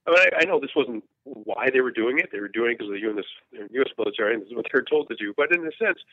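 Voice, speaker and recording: Very fast and animated, a medium-pitched man in his fifties from the United States describes his time as a war journalist in an interview. He speaks frankly and earnestly and frequently restarts, over a dry, tinny phone-line recording with no echo.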